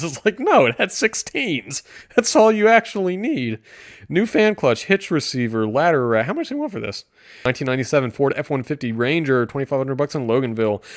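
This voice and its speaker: A man giving sarcastic commentary, deadpan with mock-enthusiastic outbursts. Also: mid-range voice. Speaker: streamer reviewing car listings.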